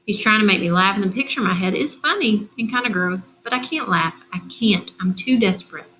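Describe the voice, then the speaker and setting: A woman's voice: medium pitch, a little fast, slight background noise, rough recording. Woman reading a storybook aloud. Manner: steady, expressive reading. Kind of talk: first-person storybook read-aloud.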